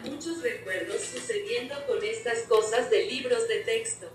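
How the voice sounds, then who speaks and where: A woman delivers a scripted, opinionated and wry voice-over about learning languages. Her voice is a little high and far from the mic, in a roomy recording with loud music.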